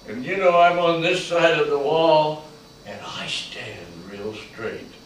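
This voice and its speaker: An older man, a veteran, performing a slow, emotional spoken-word monologue that swells to loud peaks on key lines. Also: fairly high pitch, a little hiss or hum. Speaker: Vietnam veteran storyteller. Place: large echoey college room. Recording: echoey room from far off.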